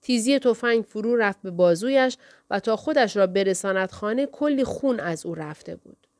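A woman narrating a novel in first person with a measured, steady storytelling manner. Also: medium pitch, dry recording. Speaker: audiobook narrator. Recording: dry, close studio recording.

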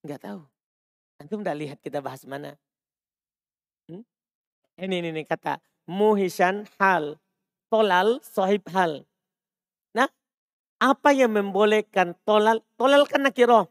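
Male religious teacher, high voice, dry close sound, drills students on Arabic grammar. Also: moderate pace, creaky, pauses often, fairly bright tone, no echo. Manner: quizzing students with repeated questions; mixes Arabic terms with Indonesian explanation. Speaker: Islamic studies teacher. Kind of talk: classroom lesson on Arabic grammar.

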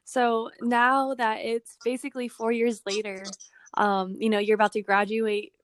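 A woman's voice: a little high, level tone, moderate pace, no echo. A woman co-hosting a podcast interview, reacting upbeat with short remarks and asking questions. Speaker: podcast co-host. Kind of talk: casual interview.

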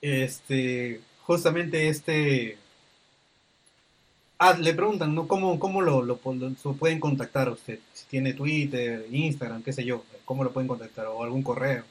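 A male podcast host with a mid-range voice speaks a little slowly in a relaxed, conversational style during a casual podcast interview. He often ends sentences with a questioning "¿no?" and uses fillers like "este." The audio comes from a video call.

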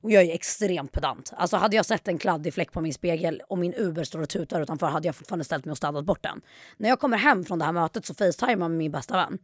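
A woman's voice: fairly low pitch, dry recording, studio quality. A woman in her twenties, a podcast guest, telling stories in casual chat and acting out what people said with her voice raised. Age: 20s. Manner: animated storytelling, acts out quotes with a raised voice. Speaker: guest, YouTuber.

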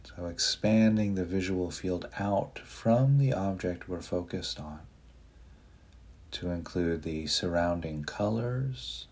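A man guides a meditation in a deep, soft, breathy voice, offering gentle instructions at an unhurried pace with long pauses between them.

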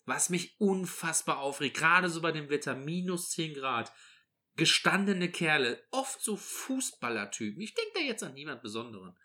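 A man's voice: on the high side, big pitch swings, normal speed, pushed and bright. A man, co-hosting a casual podcast and ranting animatedly with exaggeration. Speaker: podcast co-host.

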